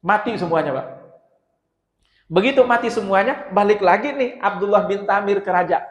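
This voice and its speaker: Male preacher, high voice, lively storyteller, long hall reverb. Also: moderate pace. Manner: lively storyteller acting out dialogue. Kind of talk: mosque sermon storytelling. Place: mosque hall. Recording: dull, echoey mosque hall sound.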